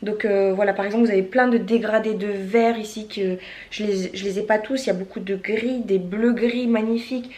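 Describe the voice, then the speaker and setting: A woman's voice: mid-range voice, steady tone, brisk, darkish tone, reverberant. A woman vlogger casually reviewing her makeup collection, chatty, with many fillers and restarts. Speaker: beauty vlogger.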